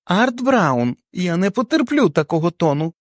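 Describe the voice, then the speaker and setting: A man putting on a shrill scolding wife. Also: big pitch swings, normal speed, no echo, clean studio sound. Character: indignant, fussy wife scolding her husband.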